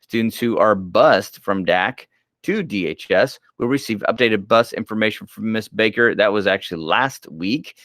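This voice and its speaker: A man's voice: on the low side, moderate pace, a bit bright, no room sound, studio quality. A man hosting casual school homeroom news, chatty and joking, sleepy and yawning as he reads announcements.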